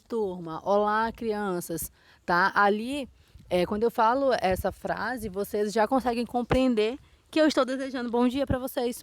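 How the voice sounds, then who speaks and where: A woman's voice: medium pitch, no room sound. Brazilian woman teacher, dry close sound. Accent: Brazilian Portuguese. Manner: explanatory, frequent "tá?" check-ins. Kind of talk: online grammar lesson.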